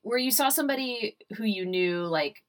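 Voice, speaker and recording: A woman's voice: on the high side, lively intonation, normal speed. A young woman co-hosting a casual show recap podcast, chatting with wry, playful asides. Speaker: podcast co-host.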